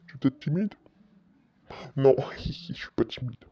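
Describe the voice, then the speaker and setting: A man's voice: medium pitch, animated, warm tone, breathy edge, no room sound. Stammering chatty guy, dull dry mic. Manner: stammers a little, halting and chatty. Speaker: channel host. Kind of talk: casual screen-recording commentary.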